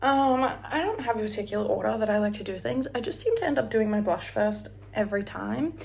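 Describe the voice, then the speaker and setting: Speaking briskly in a creaky, slightly mellow mid-range voice, a young Australian woman does her hair and makeup at home. She keeps up a rambling, casual chat, humming bits of songs and slipping into whispers.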